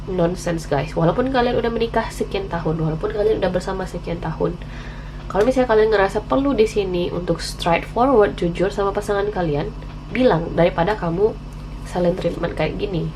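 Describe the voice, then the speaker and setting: Hosting her channel, this Indonesian tarot reader talks to viewers while sick with the flu and sucking on a candy. The recording is poor, with a slight hiss or hum, and her voice sits on the low side with a darkish tone. Her reading is relaxed and candid, chatty, and peppered with English slang.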